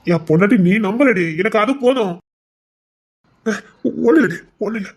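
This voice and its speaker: A woman's voice: medium pitch, animated, moderate pace, a little mellow, natural voice. A woman voicing a loyal, tender husband and brother in a family serial, speaking earnestly with a Tirunelveli Tamil accent. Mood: reassuring.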